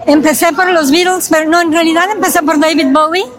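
A woman's voice: very high voice, steady tone, fast talker, music in the background. A middle-aged Mexican woman fan from Mexico, enthusiastic and talkative. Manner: enthusiastic, talks at length. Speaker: interviewed fan. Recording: street crowd behind.

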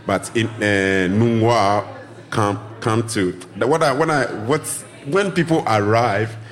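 A low-pitched man from Ghana speaks as a guest at a live festival broadcast. He talks casually and with animation about drumming, and he now and then acts out greetings. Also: slow. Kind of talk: casual interview talk.

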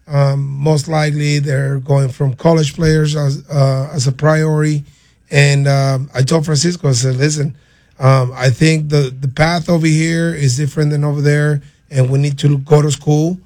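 A middle-aged man from Venezuela, answering interview questions haltingly and earnestly as a player's father. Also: on the high side, little pitch movement, darkish tone. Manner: halting, repeats words, earnest.

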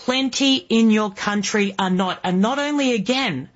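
On political talk radio, a guest host in her early forties with an Australian accent and a husky voice makes an emphatic case through rhetorical questions. She talks in a mid-range, unhurried way over a muffled recording.

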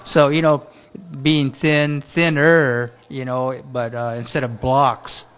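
A man's voice: mid-range voice, little pitch movement, slow pace, a bit bright, clear, resonant tone, muffled recording. A middle-aged man from Japan, a chef, answering radio interview questions in a rambling way full of fillers and restarts.

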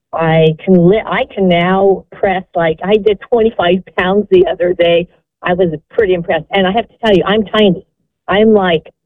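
A woman's voice: lowish voice, dry recording. A woman in her sixties calling in to a show, earnestly encouraging others with a rambling story. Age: 60s. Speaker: caller. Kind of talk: call-in show testimony. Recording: phone-line sound.

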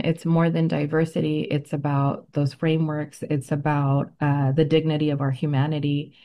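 A middle-aged woman, a native Spanish speaker and ethnic studies educator, gives reflective answers as an interview guest. Her manner is earnest, deliberate and articulate, and her voice sits low with a dark tone.

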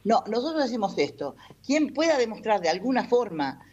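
A woman's voice: fairly high pitch, big pitch swings, a little fast, a little mellow, highs cut off. A woman explaining a legal matter in an interview, hesitating often with fillers. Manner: explanatory, many hesitations with "este". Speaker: patronato representative. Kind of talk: radio-style interview answers.

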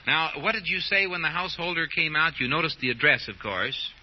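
A man's voice: on the high side, lively intonation. A man hosting a game show, joking and quizzing a contestant, heard from an old broadcast transcription disc. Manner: jovial, joking, quick follow-up questions. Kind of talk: bantering audience-show interview. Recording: muffled 1950s radio disc with faint hiss.

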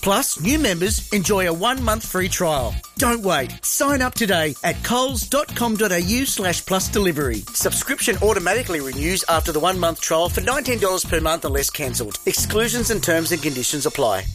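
A woman's voice: on the low side, expressive, a little fast, few pauses, music in the background. A woman reading a supermarket announcement in a polished, upbeat promotional delivery. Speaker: in-store radio announcer.

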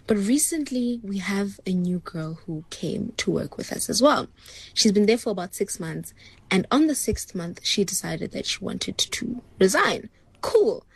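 A woman's voice: medium pitch, a little mellow, breathy edge. A woman in a recorded voice message, chatting in an exasperated way as she asks listeners for advice. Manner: chatty and exasperated, telling a workplace complaint. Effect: played back as a recorded voice message. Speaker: listener sending in a problem. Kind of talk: casual recorded voice note asking for advice.

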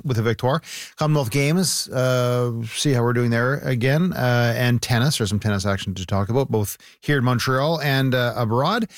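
A male sports reporter previews the day's stories in a loose, ad-libbed way. His pitch is middling. The sound is dry and close. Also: dry recording. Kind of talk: sports headlines rundown.

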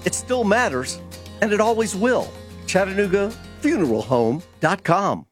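A male radio host reading a local ad and local news in a smooth announcer delivery. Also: high-pitched, very animated, normal speed, faint music behind.

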